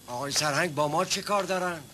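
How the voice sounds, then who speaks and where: Stammering servant Mash Qasem. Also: male voice, fairly high pitch, pushed and bright, slight background noise. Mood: nervous. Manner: stammering, evasive, repeats himself. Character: timid, rambling old male household servant. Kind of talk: 1970s television drama acting.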